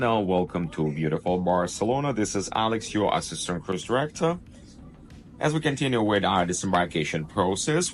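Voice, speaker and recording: A man's voice: fairly low pitch, a bit bright. A man speaking as an upbeat assistant cruise director, making projected public announcements to ship guests.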